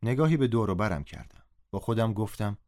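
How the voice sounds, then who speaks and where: Low-voiced man narrating a story. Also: lively intonation. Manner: reads dialogue in a raised, louder voice.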